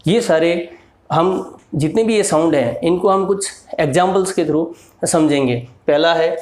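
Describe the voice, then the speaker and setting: A man's voice: fairly high pitch, measured pace, darkish tone, reverberant. A man teaching English to beginners, explaining each letter's sounds and patiently repeating words and examples. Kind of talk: slow explanatory lesson.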